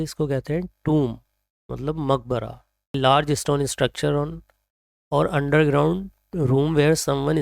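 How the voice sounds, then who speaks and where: A man with an Indian accent teaching English pronunciation, reading example sentences slowly and then explaining them. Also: mid-range voice, creaky, darkish tone, no room sound, clean studio sound. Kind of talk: slow explanatory lesson, mixing Hindi and English.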